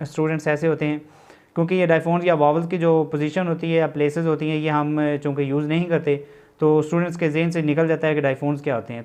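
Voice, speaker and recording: A male shorthand instructor with a slightly raised pitch gives a patient classroom-style lesson. He restates each point for his students, and he slows to a deliberate pace when he reads definitions aloud. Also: a little mellow, clean tone. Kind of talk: explanatory lesson.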